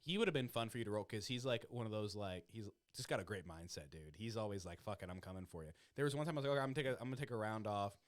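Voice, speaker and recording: A man's voice: lowish voice, expressive, rapid-fire, few pauses. A man hosting a podcast in casual chat, rambling and swearing freely. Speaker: podcast host.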